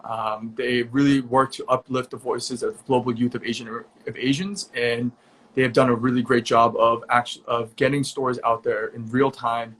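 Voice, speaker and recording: A man's voice: mid-range voice, little pitch movement, normal speed, a bit bright, slight background noise. A young man hosting an online interview event, talking casually and upbeat with many fillers, over a video call. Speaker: host.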